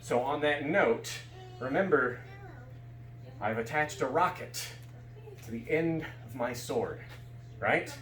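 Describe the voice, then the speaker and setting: A man's voice: medium pitch, expressive, slow pace, pauses often, a bit bright. A man giving casual, explanatory fencing instruction, often checking that his students follow. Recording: echoey room with background noise.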